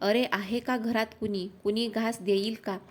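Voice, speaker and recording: A woman voicing a poor, bitter old woman in a devotional folk tale, speaking slowly and quietly. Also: fairly high pitch, fairly even intonation, close to an everyday voice. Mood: pleading. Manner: slow, quiet, coughing now and then.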